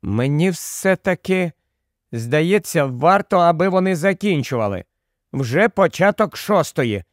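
A man's voice: a little high, expressive, measured pace, no room sound, clean studio sound. A man reading a story, voicing a frightened housewife who cries out urgently. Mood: uneasy. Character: frightened housewife, frantic and desperate.

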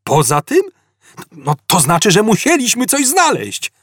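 Male narrator playing a brash, boastful space captain; high, jumpy, husky. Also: huge pitch swings, unhurried, a bit bright, dry recording, studio quality, full character voice.

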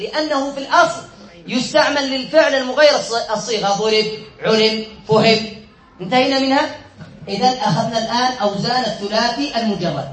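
A man's voice: extremely high pitch, fairly bright tone, echoey room, low-quality recording. A man teaching a classroom lesson, quizzing his students, repeating points and correcting himself with a chuckle. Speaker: sheikh teaching Arabic morphology.

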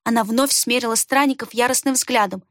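A woman narrating an audiobook in an expressive, even reading. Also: a little high, a little fast, no echo, studio quality.

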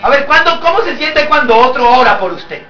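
A man preaching a lively sermon to his congregation, joking with them and rising to shouts. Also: extremely high pitch, a little fast, dull audio. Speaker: pastor. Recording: echoey church hall, from far off.

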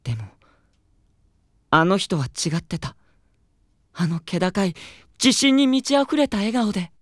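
In an anime audio drama, a man plays a proud, hot-headed young idol singer, earnest and theatrical, while also narrating the story reflectively in first person as the lead. His high voice is very animated and a little slow, captured in dry, studio-quality sound.

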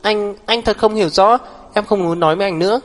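A man voicing a sulky, tearful young woman who shouts back in shrill, defiant outbursts, in an audiobook. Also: fast talker, big-room sound, lightly acted. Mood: tearful, indignant. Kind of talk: audiobook character voice.

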